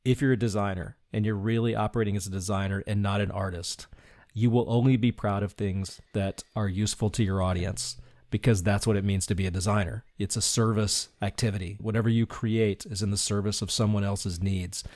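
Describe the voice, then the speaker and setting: This middle-aged man, a design leader appearing as a podcast guest, talks earnestly and reflectively in a conversational interview, laughing lightly now and then. His voice sits on the low side and is a little mellow, with fairly even intonation and a brisk pace, captured in a dry, studio-quality recording.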